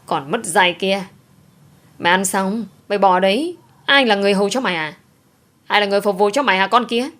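A woman's voice: medium pitch, lively intonation, normal speed, pauses often, fairly bright tone, lightly acted. A woman voicing a cruel middle-aged stepmother who berates a child harshly. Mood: harsh scolding.

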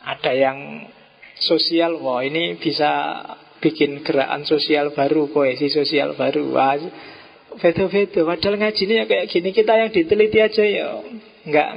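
A man leads an informal philosophy study session in a relaxed, joking way. His voice sits a little high and is gravelly and husky. It is picked up dull and lo-fi, with a long hall reverb. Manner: relaxed, joking asides, mixes in Javanese words. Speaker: philosophy lecturer. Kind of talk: informal religious study talk.

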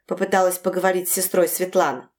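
A woman reading a story aloud as the narrator, calm and even. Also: lowish voice, fast talker. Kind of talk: audiobook narration.

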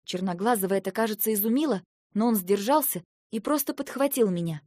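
A woman narrating a fantasy novel in the first person, with an expressive, emotional delivery. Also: mid-range voice, brisk, no room sound, clean studio sound. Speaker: audiobook narrator.

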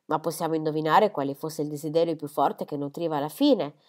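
A woman voicing a calm middle-aged male country doctor who speaks in a measured, reasoning way. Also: low voice, lightly acted.

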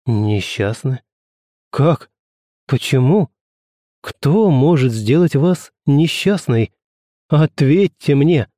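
A man reading the part of a gallant gentleman who speaks softly and sweetly, with coaxing tenderness and a touch of sad irony. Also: mid-range voice, expressive, slow, long pauses, no echo, studio quality. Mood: urgent. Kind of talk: audiobook character reading.

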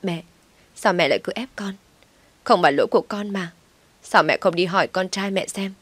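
A woman's voice: lowish voice, moderate pace, dry recording, natural voice. Woman playing a meek, tearful young wife. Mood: tearful pleading. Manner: polite, pleading, choked with tears.

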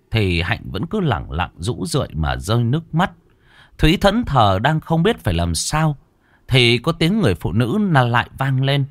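A man narrating a horror story in a dramatic, expressive reading style. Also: mid-range voice, no echo.

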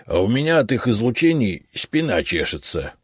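A self-important male house spirit from an audiobook, as a male narrator puts him on, lifting his husky voice up high with lots of swing. He lectures bossily and grumbles with little "eh" fillers. The sound is dry and close. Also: sing-song, normal speed, dry recording. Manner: bossy, know-it-all, grumbling with 'eh' fillers. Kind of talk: audiobook character voice.

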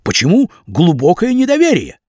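Narrator guy doing a jumpy flustered young dude, higher and squeakier than his own voice, pleading. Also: wildly swooping pitch, moderate pace, darkish tone, dry recording, clean studio sound, heavily acted. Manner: pleading, anxious. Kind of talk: audiobook character voice.

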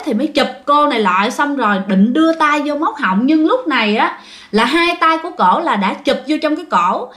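A woman's voice: sits high, a bit bright. A woman telling a ghost story in a chatty way, addressing her listeners directly.

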